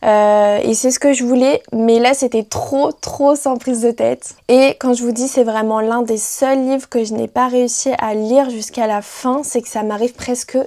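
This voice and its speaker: A woman's voice: a little high, fairly even intonation, moderate pace, hardly any pauses, warm tone. A young woman reviewing books in a casual vlog, chatty and full of fillers and restarts. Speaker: book vlogger.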